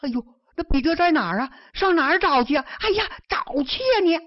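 A woman storyteller voicing a flustered young woman who panics near tears in rapid, shrill outbursts. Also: animated. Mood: panicked. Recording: dull lo-fi recording.

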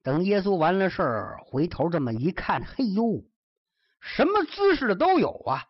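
Female storyteller; low, husky, highly animated pitch, chatty asides; dry, dull sound. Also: normal speed, no echo. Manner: lively, chatty asides to the listener with rhymed verse closings. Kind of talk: traditional storytelling narration.

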